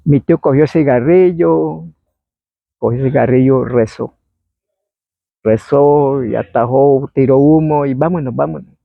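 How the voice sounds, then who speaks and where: A man, telling an oral history story in a meandering way and acting out shouts and quoted voices. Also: mid-range voice, unhurried, gravelly, long pauses, no room sound. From Colombia. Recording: dry, phone-like narrow sound.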